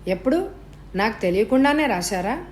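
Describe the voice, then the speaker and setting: A suspicious, scheming young man, read by a woman in an audio thriller, firing off incredulous questions. His voice rides somewhat higher than the narration. A light hiss sits behind him. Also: big pitch swings, normal speed, darkish tone.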